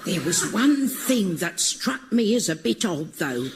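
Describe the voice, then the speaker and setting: A man's voice: high voice, very animated, slow, a little hiss or hum, full character voice. A man voicing a blunt, gossipy middle-aged female housekeeper in a comic radio play. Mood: chatty. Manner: chatty and blunt.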